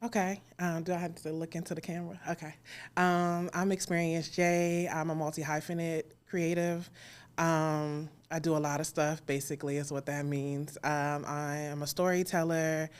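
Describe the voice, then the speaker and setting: An American woman from Alexandria, Virginia, chats informally as a guest on a live interview, where she's featured as an audio drama creator. Her low voice comes out flat and smooth at a normal speed.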